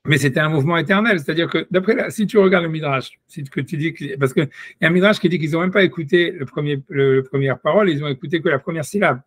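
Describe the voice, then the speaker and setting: A man's voice: on the high side, fast, a bit bright, dry recording. A man giving a rambling, casual Torah discussion, full of restarts and asides to his listener. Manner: rambling, many restarts and "tu vois". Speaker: Torah teacher.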